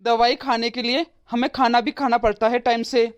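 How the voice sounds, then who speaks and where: A woman's voice: on the high side, level tone, moderate pace, highs cut off, lightly acted. A woman voicing a stern, lecturing elderly father-in-law in a cartoon. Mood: scolding. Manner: scolding, lecturing. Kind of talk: cartoon voice acting.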